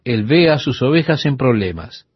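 A man's voice: medium pitch, moderate pace, husky, no echo, lo-fi sound. A man teaching the Bible for radio listeners, telling a story and voicing the people in it. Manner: lively storytelling, voicing the people in his anecdote.

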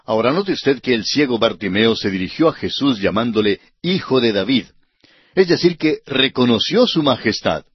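A man with a husky, slightly breathy voice delivers a radio Bible study and speaks earnestly to the listener as a friend. The sound is dry and close, with a dull, lo-fi radio tone. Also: mid-range voice, expressive, normal speed, dry recording. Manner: earnest, addresses the listener directly.

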